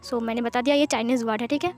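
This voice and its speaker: A woman's voice: on the high side, fairly even intonation, rapid-fire, soft background music. A woman narrating a fan-fiction story in a simple, chatty way, with asides to her listeners.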